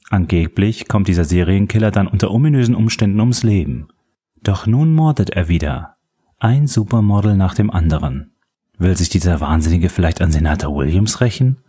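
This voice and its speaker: A man reading a thriller audiobook in a steady, suspenseful narration. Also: low-pitched, breathy edge. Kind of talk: scripted narration.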